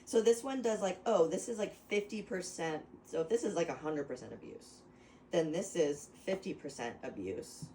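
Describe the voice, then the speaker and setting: A woman's voice: on the low side, expressive, moderate pace, dark tone, echoey room, slight background noise, low-quality recording. A woman rambling through a mock lecture to her friends, stopping and restarting and laughing often. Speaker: host explaining to friends. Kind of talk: casual chat, mock lecture.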